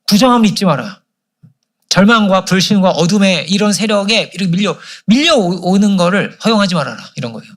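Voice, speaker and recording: A man's voice: sits high, expressive, a little fast. A man preaching a sermon as pastor, asking the congregation questions and answering them himself. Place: church service.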